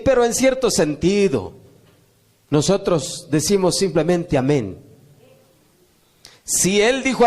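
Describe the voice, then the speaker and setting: Man, pastor, high voice, emphatic repetitive sermon. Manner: emphatic, repetitive preaching with rising calls of amen.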